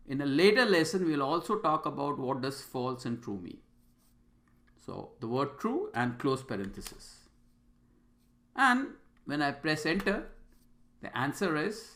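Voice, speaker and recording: A man giving an instructional lecture as a teacher, speaking in a measured, deliberate way as if dictating terms step by step. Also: mid-range voice, pushed and bright. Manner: measured, deliberate dictating of terms and formulas in short separated phrases. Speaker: statistics lecturer.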